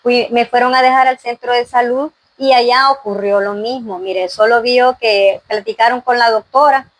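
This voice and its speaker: A woman's voice: a little high, moderate pace, dry recording, low-quality recording. A woman giving an earnest faith testimony in an interview, full of fillers and "¿verdad?".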